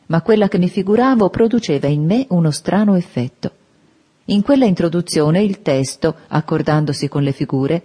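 A woman with a low, deep voice reads a classic novel aloud as an audiobook narrator. Her tone is mellow and warm, and her delivery is measured and expressive, with steady literary phrasing.

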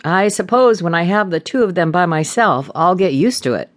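A woman's voice: lowish voice, animated, normal speed, no room sound, clean studio sound, lightly acted. A woman doing a subdued, weary husband. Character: tired, remorseful husband and father.

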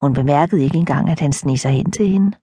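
Husky, dark-voiced woman narrating. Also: deep voice, dry recording. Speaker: audiobook narrator. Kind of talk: scripted audiobook narration.

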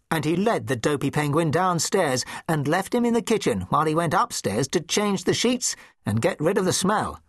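Husky, lively male storybook narrator. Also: a little high, dry recording, studio quality. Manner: expressive, playful storytelling. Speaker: audiobook narrator.

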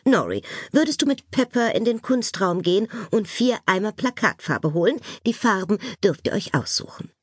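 A woman's voice: mid-range voice, sing-song, normal speed, hardly any pauses, slightly rough, no room sound, studio quality, voice pushed up. A woman reading an audiobook, voicing a strict but kindly female schoolteacher who lays down rules firmly. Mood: instructive. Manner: firm, instructive. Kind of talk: audiobook character voice.

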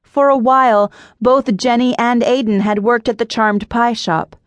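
A woman narrating an audiobook in a measured, even storytelling manner. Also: fairly high pitch, no echo.

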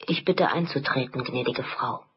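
A woman reading an audiobook, voicing an earnest young male lieutenant who talks brisk and reassuring in a lowered voice. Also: breathy edge, lo-fi sound, exaggerated voice. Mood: courteous.

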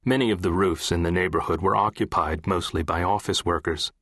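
A man reading literary fiction as an audiobook narrator, in a measured, composed way. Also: low-pitched, steady tone, fairly bright tone, husky, dry recording, clean studio sound.

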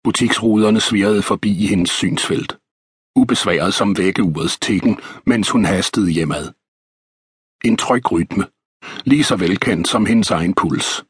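A man reading a historical novel as an audiobook narrator, in a measured, even storytelling manner. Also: lowish voice, husky, no echo, studio quality.

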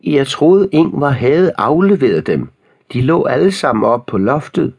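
A man doing a squeaky flustered old lady. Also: expressive, vocal fry, breathy edge, exaggerated voice. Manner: squeaky, loud. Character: flustered old gray-haired woman, shrill.

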